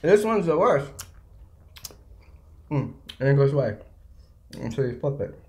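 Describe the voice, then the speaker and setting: A woman's voice: very deep voice, very animated, a little slow, a little mellow, slight background noise. A woman hosting a casual taste test, chatting while she sucks on sour candy. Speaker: host of a candy tasting video.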